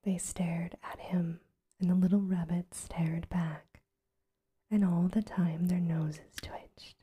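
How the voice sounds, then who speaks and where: A woman reading a bedtime story aloud in a soft, even ASMR whisper. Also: fairly low pitch, slow pace, slightly rough.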